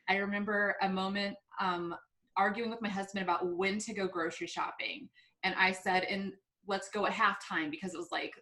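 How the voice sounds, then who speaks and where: A woman co-hosting a podcast, telling personal stories in an animated way and laughing at herself. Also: medium pitch. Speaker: podcast co-host. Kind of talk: casual podcast chat.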